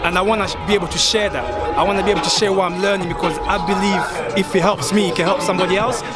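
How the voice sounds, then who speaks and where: A man's voice: high voice, very fast. A young man from Congo, talking casually and earnestly about his music in an interview outdoors at a live event. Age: young adult. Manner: relaxed, earnest, slangy with frequent "innit". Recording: loud music and crowd behind. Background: loud music and crowd.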